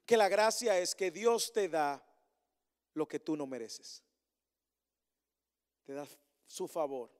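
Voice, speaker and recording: A man preaching a sermon as pastor to his congregation, with insistent repeated refrains and questions, swinging between emphatic calls and soft, earnest asides. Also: a little high, animated, slow pace, pauses often, clear, resonant tone. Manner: repetitive rhetorical refrains and direct questions to the congregation. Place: church meeting hall with a congregation. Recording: long hall reverb.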